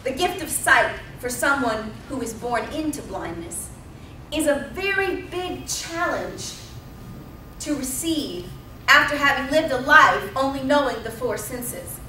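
Picked up from a distance by a pulpit mic in a church sanctuary, a pastor in her thirties delivers a sermon, repeating herself emphatically as she tells the story. Her voice sits high and sounds expressive, pushed and bright, a little slow, with roomy sound and slight background noise.

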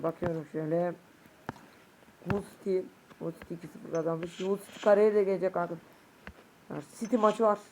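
A man, a gaming youtuber, a bit sick, giving casual gameplay commentary and shouting at his players. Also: high-pitched, gravelly. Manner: excitable, shouts at players, mutters curses. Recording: noisy home recording.

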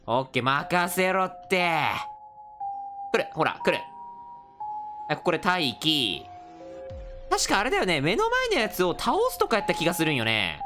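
Excitable male let's-play host, very lively pitch. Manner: excitable, reacts loudly to the game. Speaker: gaming video host. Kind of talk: solo let's-play commentary.

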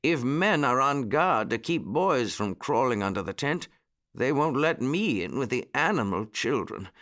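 A man voicing an elderly, cheerful rabbit gentleman in a storybook who speaks eagerly and keeps exclaiming. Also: medium pitch, unhurried. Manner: excitable, exclaiming.

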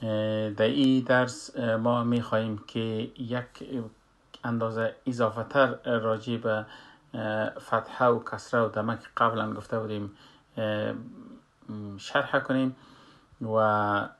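A man giving a slow spoken lesson on Quran recitation, pausing often and filling gaps with drawn-out hesitation sounds. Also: fairly low pitch, little pitch movement, fairly bright tone. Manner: hesitant, many drawn-out fillers and pauses.

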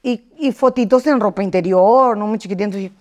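A middle-aged woman who writes her own songs, speaking candidly in an interview. She tells her stories with energy and many fillers, jumping into higher voices whenever she quotes others. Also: brisk. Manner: lively storyteller, jumps into high voices to act out quotes, many fillers. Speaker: singer-songwriter.

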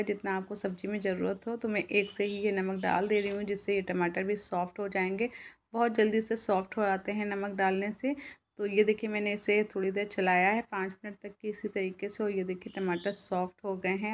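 A woman hosting a cooking channel, calmly explaining each step of a home recipe to viewers as she cooks. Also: medium pitch. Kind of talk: casual cooking voice-over. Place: home kitchen.

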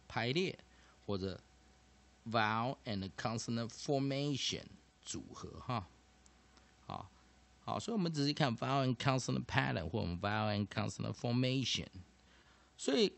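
Gravelly low-voiced male teacher. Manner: slow, deliberate, explanatory. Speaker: pronunciation teacher. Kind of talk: vocabulary and phonics lesson.

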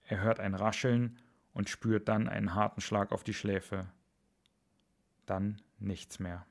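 A man with a low, gravelly voice reads a thriller aloud like an audiobook. His delivery is steady and measured, with a flat, even pitch that rarely rises or falls. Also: a little hiss or hum. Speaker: author reading his own novel. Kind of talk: audiobook-style thriller reading.

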